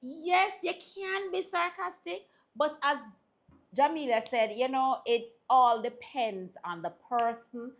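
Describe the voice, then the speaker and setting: A Jamaican woman hosting a talk show, her voice sitting a bit high. She chats casually with her co-host and tells animated stories in patois, laughing along the way. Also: takes it slowly. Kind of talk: casual panel chat.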